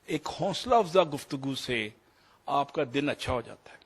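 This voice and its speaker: A man's voice: mid-range voice, lively intonation, husky. A man in his fifties with a Pakistani Urdu accent, a doctor telling a personal story in a rambling, anecdotal way with English phrases mixed in. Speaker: doctor sharing experiences. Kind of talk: storytelling talk.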